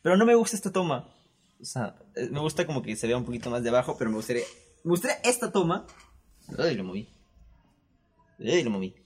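A young man with a Peruvian Spanish accent tells stories to camera in a casual, animated way. He laughs often and swears freely. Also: medium pitch, fast talker, pauses often, husky. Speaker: vlogger. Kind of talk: casual storytelling monologue. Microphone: camera setup with microphone.

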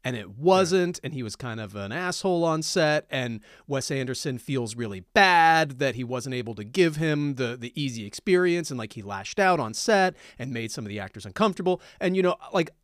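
A man's voice: mid-range voice, expressive, moderate pace, few pauses, dry recording, studio quality. A man co-hosting a podcast, talking in a rambling, hedging way with many fillers. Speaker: podcast co-host. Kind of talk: casual podcast chat.

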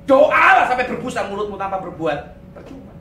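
A male pastor giving a lively sermon in a church, sprinkling in English words and acting out quotes. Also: sits high, fairly quick. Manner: animated, mixes in English words, acts out quotes. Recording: echoey room, distant mic, faint noise.

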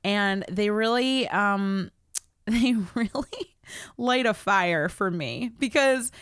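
A woman chatting as a podcast co-host, with a smooth, clear voice recorded close and dry. She rambles through fillers and laughs often. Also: mid-range voice, fairly bright tone, no echo. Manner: giggly, rambling with many fillers. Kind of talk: casual chat.

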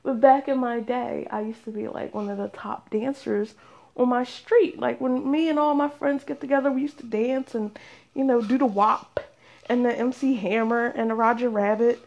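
A woman in her thirties rambles through a casual vlog, poking fun at herself and laughing as she goes. Her voice sits a little high with a gravelly fry. The recording sounds dull and lo-fi. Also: fairly even intonation, normal speed, a little mellow. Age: 30s. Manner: rambling, self-mocking, laughs often. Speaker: vlogger. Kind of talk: casual chat.

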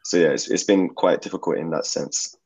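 A young man from Gaza, a student, a podcast guest, talking in a measured way and repeating words. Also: low-pitched, creaky, a little mellow, highs cut off. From Gaza, Palestine. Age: young adult. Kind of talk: casual podcast interview.

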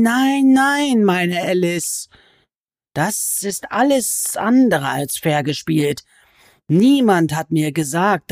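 A woman voicing a sly, menacing male goblin who is a fanatically loyal servant, speaking in a slow, drawn-out, hissing way. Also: fairly low pitch, creaky, darkish tone, no echo, studio quality, pitched above the performer's own voice, full character voice. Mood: gloating, indignant.

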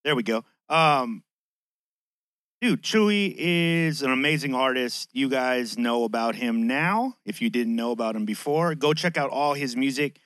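A man's voice: mid-range voice, a bit bright, dry recording, studio quality. A man with a lisp and whistling s sounds hosting a podcast in a casual, slangy, chatty monologue that swears freely. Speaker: podcast host.

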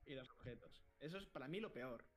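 A man from co-hosting a casual podcast, telling stories fast and laughing often. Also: mid-range voice, a little hiss or hum. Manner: fast, animated, laughing storyteller. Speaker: podcast co-host. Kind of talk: casual chat.

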